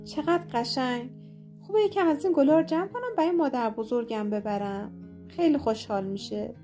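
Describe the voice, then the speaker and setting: Innocent little girl in red, high bouncy voice, a woman putting her on for a storybook. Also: expressive, soft background music. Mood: cheerful. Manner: high, bright and eager. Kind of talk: storybook read-aloud.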